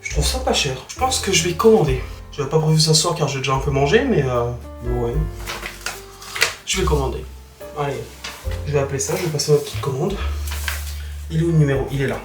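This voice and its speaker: A man's voice: on the high side, lively intonation, fairly quick, long pauses, roomy sound, music in the background. A man vlogging casually in a small hotel room, keeping his voice down as he talks to the camera. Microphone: camera microphone, no dedicated mic.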